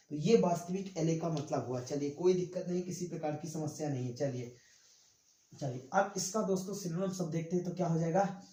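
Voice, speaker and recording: In an online exam-prep lesson, a man teaching English vocabulary speaks in a mellow, somewhat high voice while writing on a board, repeating each word and calling his listeners "friends" throughout. The low-quality recording sounds roomy, with slight background noise.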